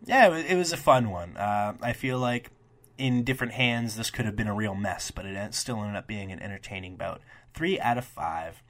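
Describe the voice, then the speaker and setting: A young man hosting a solo wrestling review podcast, talking casually with rambling asides and profane, excitable rants. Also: fairly low pitch, normal speed.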